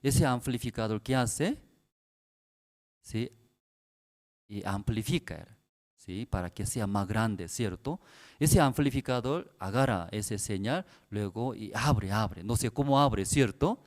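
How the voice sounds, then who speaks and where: Slow, soft-spoken pastor with low voice. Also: male voice, lively intonation. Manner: simple broken Spanish with many tag questions; speaks softly and slowly to the congregation. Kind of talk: sermon at a prayer service.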